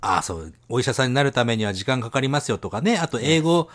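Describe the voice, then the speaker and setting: A man co-hosting a casual podcast chat, animated and teasing, laughing often. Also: medium pitch, fast talker. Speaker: podcast co-host.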